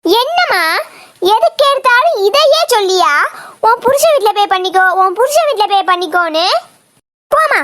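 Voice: very high voice, big pitch swings, fast talker, fairly bright tone, heavily acted. A voice actor playing a whiny teenage daughter in a cartoon, wheedling her mother. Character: teen girl pleading with her mother.

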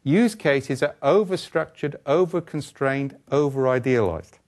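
An older man giving a conference keynote lecture, brisk, wry and blunt, throwing in asides and rhetorical questions. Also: medium pitch, a little mellow. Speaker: keynote speaker. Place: conference stage, indoors.

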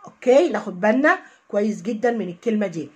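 An Egyptian woman teaching an online English lesson, repeating each English phrase slowly and then translating it. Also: mid-range voice, expressive, darkish tone, husky. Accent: Egyptian Arabic.

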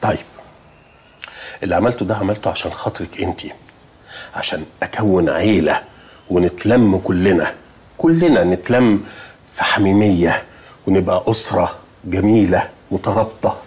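A man's voice: sits low, moderate pace, long pauses, a little mellow, breathy edge. An actor playing a middle-aged, sheepish, doting father in a TV comedy, coaxing and stalling in Egyptian Arabic. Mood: nervous, evasive. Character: sheepish, wheedling doting father afraid of his daughter. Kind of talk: TV comedy acting.

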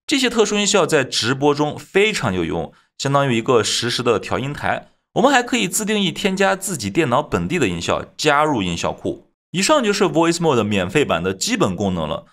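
A man narrating a scripted software tutorial as its host, explaining things step by step. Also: mid-range voice, wildly swooping pitch, brisk, hardly any pauses.

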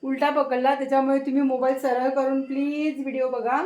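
A woman's voice: high-pitched, flat delivery, brisk, lo-fi sound, very noisy. A woman filming a casual home vlog in her kitchen, talking to her pets in fond baby talk. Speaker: home vlogger. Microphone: handheld phone.

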